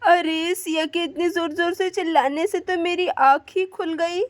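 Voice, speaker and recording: A woman's voice: very high voice, fairly even intonation, measured pace, dry recording. A woman voicing Laxmi, a caring village mother who fusses over and soothes the children, in a doll story. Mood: soothing. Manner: fussing, soothing.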